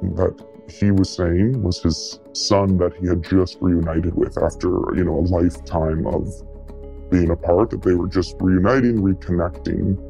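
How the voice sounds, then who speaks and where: Man with a disguised, very deep voice. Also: steady tone, unhurried, creaky, dark tone, soft background music. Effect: voice altered and pitched down to hide his identity. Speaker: listener giving a tip. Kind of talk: recalled interview recollection.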